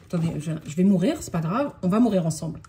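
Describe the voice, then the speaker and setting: A woman's voice: lowish voice, expressive, quick pace, mellow. A woman from France in a casual unboxing vlog, talking in a scattered, self-interrupting way and getting worked up. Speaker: vlogger.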